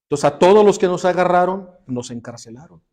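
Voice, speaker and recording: Guy teaching bible class, kinda high voice, tells the story with feeling, goes real quiet on the heavy parts. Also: lively intonation, fairly quick. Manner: dramatic retelling, dropping to a hushed voice for emotional lines.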